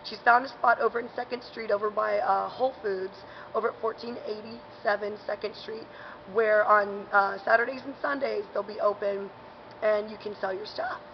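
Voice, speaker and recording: A woman's voice: mid-range voice, fairly even intonation, moderate pace, muffled recording, a little hiss or hum. A woman hosting a casual local events vlog, talking in a chatty, upbeat way with lots of fillers, outdoors in a parking garage while chewing gum. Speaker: host.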